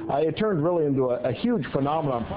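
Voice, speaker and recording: A man in his thirties interviewed for a news story, explaining thoughtfully with pauses. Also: a little high, animated, highs cut off, background noise.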